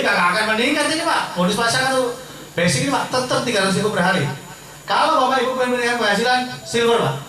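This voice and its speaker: A man's voice: sits high, sharp tone. A man giving a persuasive sales seminar to a live audience, chatty and direct, asking the crowd questions and answering them himself. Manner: chatty and persuasive, keeps addressing listeners as "Pak". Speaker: business opportunity presenter. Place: large indoor seminar hall. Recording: very echoey hall, voice far from the mic.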